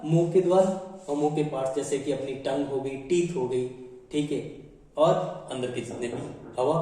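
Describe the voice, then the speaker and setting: A man's voice: sits high, dark tone. A male teacher gives an exam-prep lecture, often asking a question and then answering it himself, and repeating his points. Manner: repetitive, asks and answers own questions. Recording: echoey room, far from mic.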